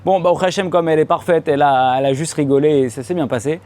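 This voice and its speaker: A young man from France tells his stand-up story on a comedy club stage. He speaks in casual street slang, addresses the crowd directly, and breaks into loud, high-pitched voices when he acts out scenes. His voice sits a little high for a man. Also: steady tone, quick pace. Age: young adult. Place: comedy club stage before a live audience.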